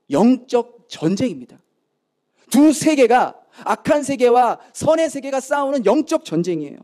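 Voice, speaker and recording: A man's voice: high-pitched, warm tone. A male pastor preaching a sermon with emphatic delivery, acting out prayers and putting rhetorical questions to the congregation. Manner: emphatic preaching with dramatic acted quotes.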